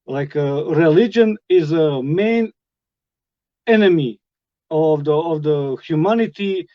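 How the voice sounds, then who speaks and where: A middle-aged man from Bosnia with a Bosnian accent, telling his life story as a guest, halting with many fillers and restarts. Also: a little high, lively intonation, no room sound, dull audio. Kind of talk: personal testimony.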